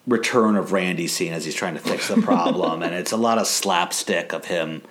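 A man's voice: sits low, moderate pace, a bit bright. A man co-hosting a podcast, recapping TV episodes in casual chat and chuckling often as he retells scenes. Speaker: podcast co-host.

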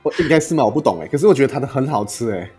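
A man's voice: medium pitch, lively intonation, rapid-fire, a little mellow, husky, faint music behind. A man from Malaysia, chatting casually as a podcast guest. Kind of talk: casual chat.

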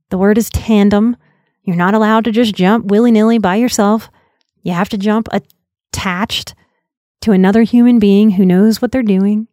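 A woman's voice: medium pitch, a little mellow, dry recording. Woman in her late thirties, podcast host, earnest reflective storytelling, close dry mic. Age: 30s. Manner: earnest, slows down for emphasis. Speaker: podcast host and life coach.

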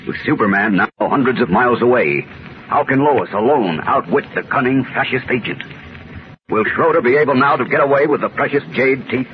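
A man's voice: medium pitch, a little fast. A man narrating a suspenseful serial as a dramatic 1940s radio announcer. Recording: dull, noisy vintage radio recording.

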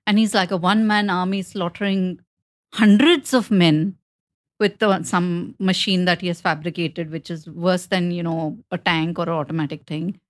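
Laughing woman, animated retelling. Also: fairly low pitch, normal speed. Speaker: co-host. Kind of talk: casual chat about films.

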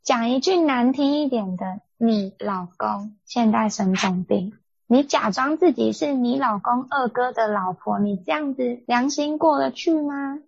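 A young woman co-hosts a casual podcast chat, retelling family drama with animated indignation. Her fairly high voice is gravelly and husky, and the recording sounds dull and lo-fi. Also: unhurried, dry recording. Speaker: podcast co-host.

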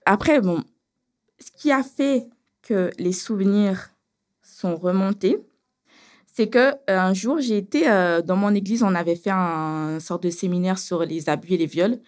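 Woman, interview guest, casual storyteller; animated, fillers and repeats, mid-pitched. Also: measured pace. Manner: animated, hesitant with frequent fillers and repetitions.

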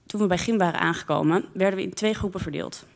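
Speaking in the first person, a woman tells listeners a childhood memory as a personal story, slowly and expressively bringing each scene to life. Her voice is slightly low and gravelly, her delivery lively.

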